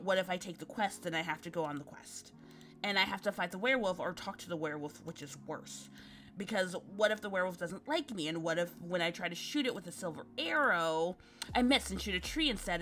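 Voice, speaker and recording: A woman's voice: lowish voice, animated, fairly quick, bright, forceful tone. A woman voicing a nervous young female adventurer from a game, rambling through her anxious worries. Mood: worried. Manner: anxious, tumbling run-on worries. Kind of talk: reading game dialogue aloud.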